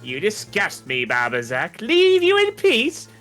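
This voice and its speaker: A man's voice: high-pitched, huge pitch swings, a little slow, fairly bright tone, faint music behind, voice pushed up, full character voice. A man voicing a cruel, scornful demonic overlord in a theatrical, sneering villain delivery.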